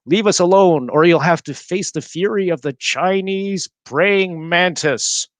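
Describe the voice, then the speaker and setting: A man voicing a squeaky small boy who loudly bluffs at being tough in a storybook reading. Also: unhurried, no echo. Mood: bluffing. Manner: loud, fake-tough.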